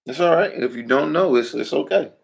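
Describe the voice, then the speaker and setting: Speaking a little high and fairly quickly, the Hebrew teacher sounds expressive, with vocal fry in his voice. Throughout the lesson he checks in with "right?" and "all right?", posing questions to the students and waiting.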